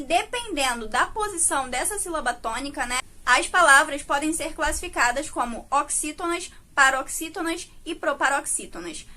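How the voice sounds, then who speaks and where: A woman's voice: high voice, bright, forceful tone. A woman teacher giving a recorded video lesson, explaining patiently with frequent tag questions. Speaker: Portuguese teacher.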